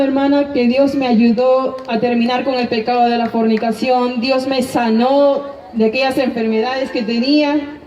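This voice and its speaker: A woman's voice: sits high, a little mellow. A woman giving an earnest, emotional testimony in church, often calling out to her brothers and sisters. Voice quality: repeatedly addressing listeners as brother, sister. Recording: roomy, distant, dull church recording with music.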